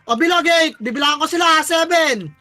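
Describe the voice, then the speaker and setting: A player calling shots in live esports team comms, barking rapid callouts, counting down and cursing often. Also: high-pitched, pushed and bright, no echo, faint music behind. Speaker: team shot-caller.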